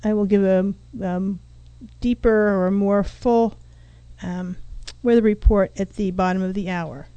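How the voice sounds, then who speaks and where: A woman hosting an informal talk radio show, speaking in a halting, rambling, apologetic way. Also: mid-range voice, fairly even intonation, warm tone, dry recording, muffled recording. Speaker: radio host.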